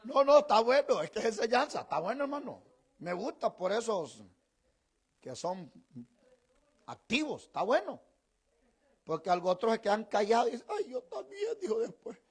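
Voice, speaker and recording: Middle-aged pastor guy preaching, kinda high voice, bounces all over, jokes w the congregation then gets loud and emphatic. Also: big pitch swings, moderate pace, pauses often, breathy edge. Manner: conversational preaching with teasing asides to the congregation; rises to emphatic proclamation. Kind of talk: sermon.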